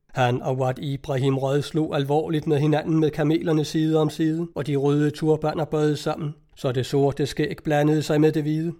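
A man narrating a novel aloud in a measured, even storytelling manner. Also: on the high side. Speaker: audiobook reader.

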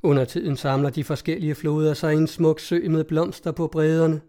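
An eager, newly rich young carpenter presses his suit with pleading urgency, read by a man. The voice is mellow and dark in tone while sitting a touch high. He sounds earnest and hopeful. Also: level tone, natural voice.

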